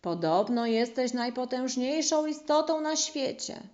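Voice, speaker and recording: A woman voicing an anxious, fussy father mouse in a storybook, calling out loudly and eagerly. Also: high voice, animated, unhurried, muffled recording, voice pushed up.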